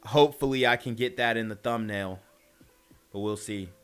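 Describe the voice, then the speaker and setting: A man's voice: fairly low pitch, normal speed, clear, resonant tone, faint music behind. A man hosting a casual opinion commentary, talking bluntly and emphatically in slang into a close mic. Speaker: commentary channel host.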